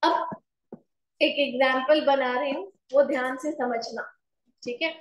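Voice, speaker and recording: High-voiced woman teaching in an echoey room. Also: steady tone, highs cut off, slight background noise. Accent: Indian English mixed with Hindi. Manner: dictates notes slowly, asks students questions. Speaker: commerce teacher. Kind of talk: classroom lecture.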